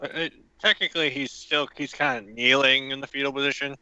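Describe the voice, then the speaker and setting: Bright-voiced man on a lo-fi mic. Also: mid-range voice, steady tone, clear, resonant tone, no echo. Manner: halting, describes character actions. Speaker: player. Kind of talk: tabletop game play. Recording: dull, lo-fi dry mic.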